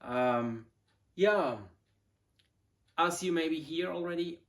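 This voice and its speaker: A Swiss German man in his forties, a model rocket hobbyist, hosts a casual show-and-tell video on his channel. His English is halting, with a Swiss German accent and many fillers as he hunts for words. His voice sits on the high side and sounds fairly bright.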